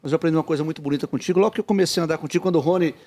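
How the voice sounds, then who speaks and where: Guy talking super fast, a bit high, chatting with a friend. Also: mellow. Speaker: singer and guest. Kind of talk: casual chat.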